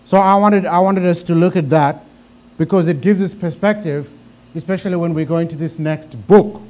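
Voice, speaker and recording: Teaching a Bible class, this middle-aged Zimbabwean man has a deep accent and a darkish tone. His pace is moderate, and his conversational delivery often circles back over words while he thinks.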